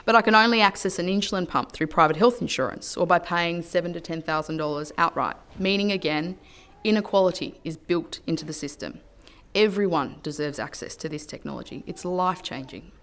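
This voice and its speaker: An Australian woman speaks in a legislative chamber, delivering a prepared parliamentary speech. Her voice sits somewhat low for a woman, and her delivery is earnest and measured. She is picked up by a lectern microphone. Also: fairly bright tone. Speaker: politician.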